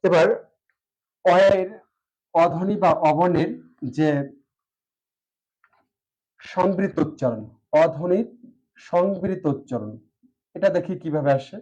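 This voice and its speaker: A male teacher with a Bangladeshi Bengali accent gives a classroom lecture on pronunciation, slow and deliberate, drawing out example words and pausing with "ah" fillers. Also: sits high, a little mellow, highs cut off.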